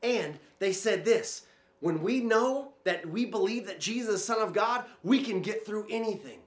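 A man's voice: sits high, lively intonation, normal speed, reverberant. A man serving as a children's pastor, telling a Bible story and praying in an earnest, emphatic way. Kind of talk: Bible story and prayer for kids.

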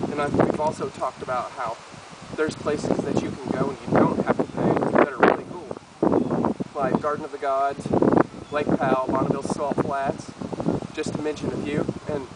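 A man's voice: fairly high pitch, heavy background noise. A middle-aged man filming a casual travel vlog while hiking among rocks, talking into a handheld camera mic. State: a little out of breath. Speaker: travel vlogger. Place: outdoors among rocks, wind.

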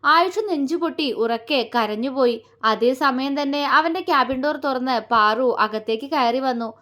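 A woman reading an emotional romance audio story, dramatic and heartfelt. Her voice is high and clear throughout. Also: a little slow, a bit bright. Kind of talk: scripted narration.

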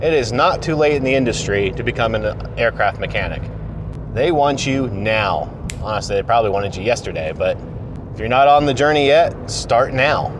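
This apprentice aircraft mechanic, a man in his late thirties, speaks to the camera on his dashboard during a casual commute vlog, sounding direct, plain-spoken and encouraging. His mid-range voice is expressive and moves at a normal speed. Road and car noise come through clearly in the recording.

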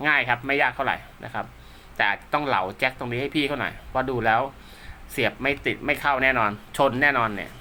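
Bright and forceful in tone, a medium-pitched male voice carries this technician's loose, polite running commentary. He mutters half to himself while setting up gear, showing his work as a radio technician and seller. There's slight background noise.

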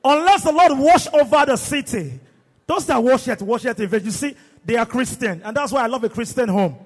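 A man's voice: very high voice, animated, brisk, slightly rough. A man acting as MC at a wedding reception, talking emotionally and repetitively as he coaxes the crowd. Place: large reception hall. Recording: echoey hall with faint music.

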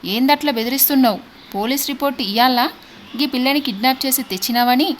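A stern but kind older village man scolds and reasons in dialect, as a woman narrator puts him on. The voice rides high with a faint hiss of background noise. He sounds fatherly and firm in this storybook reading. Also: a little fast, lightly acted. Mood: scolding.

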